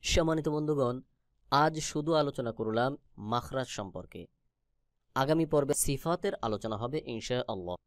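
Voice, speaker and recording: A man teaching Quran recitation, explaining where each Arabic letter is formed and sounding it out slowly several times. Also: medium pitch, lively intonation, dry recording, studio quality. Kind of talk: slow instructional explanation.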